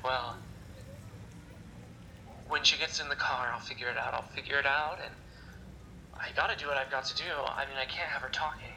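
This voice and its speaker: A man's voice: medium pitch, steady tone, moderate pace, pauses often, sharp tone, slight background noise, poor audio. A man playing a paranoid escaped male mental patient in an amateur radio drama, stammering and rambling. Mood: uneasy. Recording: music playing underneath.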